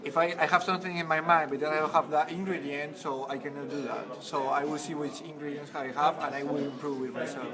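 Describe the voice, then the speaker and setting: A young Peruvian man with a Spanish accent, answering interview questions in halting English with fillers. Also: a little high, fairly even intonation. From Peru. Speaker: pageant contestant. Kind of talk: casual interview. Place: large indoor hall. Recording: loud crowd behind.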